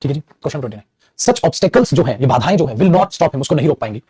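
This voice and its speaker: A man teaching English grammar in a lecture, calling students "beta", who slows down to read each exam sentence aloud. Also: mid-range voice, animated, warm tone, husky. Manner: calls students "beta", reads sentences slowly. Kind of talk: exam error-spotting lesson.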